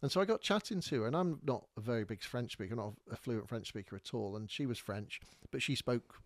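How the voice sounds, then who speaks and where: Pointing things out on maps, this podcast host from North Wales rambles through a casual story, full of fillers and restarts. He talks briskly in a mid-range voice, recorded dry in a clean studio.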